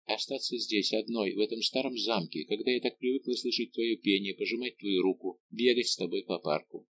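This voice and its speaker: A man reading a soft, tender young woman in an audiobook, sighing and close to tears. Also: lowish voice, brisk, slight background noise.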